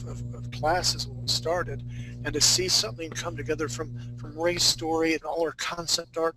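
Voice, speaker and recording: A man's voice: on the high side, sharp tone, poor audio. Upbeat, joking man hosting a class. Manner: enthusiastic, joking. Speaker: class host and instructor. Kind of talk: casual chat hosting a live class.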